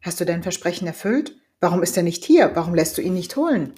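A woman's voice: fairly low pitch, big pitch swings, quick pace, dark tone. A woman voicing a proud, hot-blooded male hunter and father in an audiobook reading, earnest and determined. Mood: urgent.

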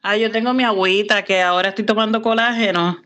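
Woman, bright tone, animated storyteller, casual podcast chat. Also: medium pitch, quick pace. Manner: animated storyteller, acts out family members' voices. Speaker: podcast co-host.

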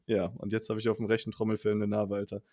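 A man's voice: lowish voice, fast, dry recording, studio quality. Slangy young man telling a story. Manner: slangy, animated storytelling with acted quotes. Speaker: storyteller in a chat. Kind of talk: casual chat.

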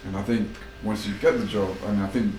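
A young man speaks casually in a fairly low voice, halting as he works out his thoughts. The room echoes and there is clear noise behind him. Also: fairly even intonation, darkish tone. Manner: hesitant, halting, thinking aloud. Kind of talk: casual group discussion.

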